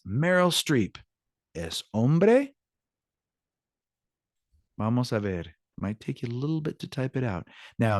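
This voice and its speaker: Giving an informal, encouraging online lesson via video call, a male Spanish teacher explains examples and moves back and forth between two languages. His mid-range voice is a little mellow, and the audio is clean and studio-like with no echo.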